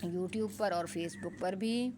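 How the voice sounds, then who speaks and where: Patient woman teaching tajweed over traffic noise. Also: lowish voice. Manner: patient, explains then recites syllables slowly. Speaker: Quran recitation teacher. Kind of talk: tajweed lesson, slow spelled-out recitation.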